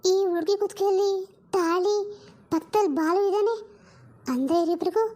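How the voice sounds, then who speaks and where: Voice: extremely high pitch, steady tone, moderate pace, warm tone. A performer voicing an assertive elder sister-in-law in a family drama. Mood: firm.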